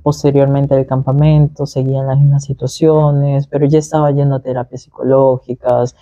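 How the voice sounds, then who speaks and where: A man's voice: medium pitch, level tone, moderate pace, dark tone, no echo, highs cut off. Earnest young man telling his calling. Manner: earnest, reflective, many fillers and tag questions. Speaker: interview guest, pastor. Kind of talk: conversational testimony.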